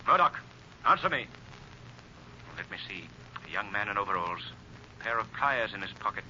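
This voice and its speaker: A sinister phantom crime-fighter, with a piercingly bright, forceful voice. He speaks in ominous, measured, theatrical phrases, as in vintage radio drama. The recording is lo-fi and faintly noisy. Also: on the low side, big pitch swings, heavily acted. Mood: grim. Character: sinister invisible male vigilante, menacing and unflappable. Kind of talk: 1930s radio drama acting.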